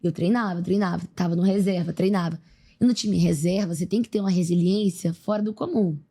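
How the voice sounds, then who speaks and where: Her voice sits lowish with a breathy edge, and she talks fairly quickly. This young Brazilian athlete, a guest on a podcast, animatedly relives her story in a relaxed interview, performing the lines others spoke.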